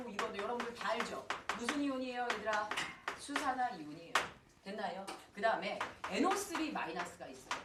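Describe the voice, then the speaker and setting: A woman in her thirties teaching high school chemistry, her pitch swinging up and down as she talks. She keeps firing questions at the class and answering them herself, breaking off into a personal story. She sounds a little distant in a reverberant room with faint ambient noise. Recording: echoey room, far from the mic, faint ambience.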